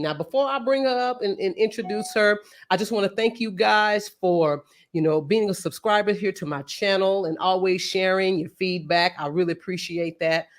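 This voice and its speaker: Energetic woman interview host. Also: mid-range voice. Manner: energetic, enthusiastic, fillers like "uh" and "you know". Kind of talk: upbeat interview.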